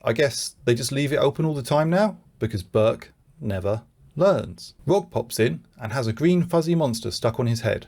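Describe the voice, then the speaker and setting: A man's voice: mid-range voice, gravelly, darkish tone. A man in his forties narrating a scripted retrospective review, with dry, wry running jokes. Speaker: YouTube reviewer.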